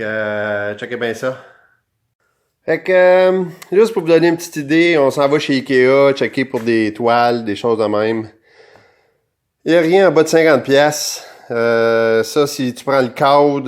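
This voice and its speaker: Here a man hosts a do-it-yourself segment through an electronic voice changer, and his Québécois accent still comes through it. He talks at an even, middle pitch, in a loose, chatty way straight to his viewers. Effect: electronically altered voice. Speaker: DIY show host. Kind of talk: casual how-to explanation.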